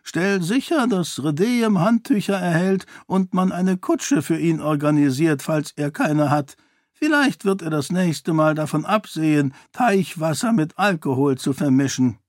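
A man's voice: a little high, animated, a little slow, a little mellow, no echo, studio quality, pitched above the performer's own voice. A man voicing a genial, witty elderly duke in an audiobook, in a raised, lighter, courtly voice. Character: elderly genial male duke, dry wit. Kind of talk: audiobook character voice.

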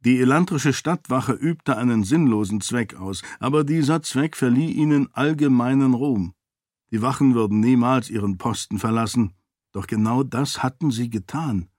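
A man reading a fantasy novel aloud in measured, even storytelling narration. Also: medium pitch, no echo, clean studio sound. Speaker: audiobook narrator. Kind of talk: scripted narration.

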